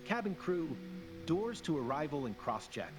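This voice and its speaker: A woman voicing a calm cabin crew announcer, making formal in-game cabin announcements in a measured, scripted way. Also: low voice, music in the background. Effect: in-game cabin announcement played faintly in the background. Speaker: flight attendant announcer.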